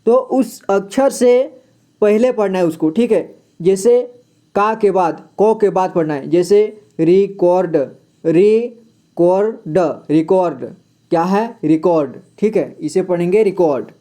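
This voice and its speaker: A man's voice: sits high, measured pace, dark tone. A man teaching beginners to read Hindi, patiently sounding out each word letter by letter, then repeating it and asking the listener to say it back. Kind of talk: slow reading lesson for beginners.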